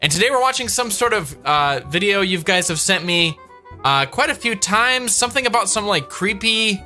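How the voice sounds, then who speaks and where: A man's voice: high-pitched, bright, forceful tone. A man hosting a reaction video, rambling and mock-incredulous as he comments.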